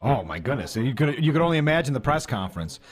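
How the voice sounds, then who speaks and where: A man's voice: mid-range voice, very animated, quick pace, crowd noise. A man hosting a live radio interview from a studio, conversational and prompting his guest with questions. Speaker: radio talk show host.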